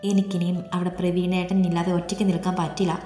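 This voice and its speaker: A woman voicing a distressed young wife who tells her trouble haltingly and tearfully, read as story dialogue. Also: fairly low pitch, little pitch movement, close to an everyday voice. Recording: echoey room, long reverb, soft music.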